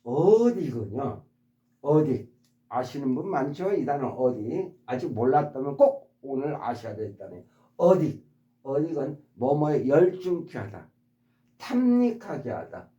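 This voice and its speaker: A man's voice: medium pitch, big pitch swings, unhurried, mellow, echoey room, lo-fi sound. A man teaching English vocabulary to his subscribers, repeating each word and demonstrating its stress patterns. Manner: addresses subscribers politely. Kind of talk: explanatory vocabulary lesson.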